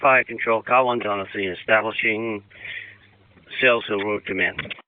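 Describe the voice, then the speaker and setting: A man's voice: on the low side, fairly even intonation, normal speed, clear, resonant tone, no echo. A man acting as fire incident commander, giving directions over a two-way radio. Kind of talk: fire ground radio traffic. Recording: tinny narrowband radio channel.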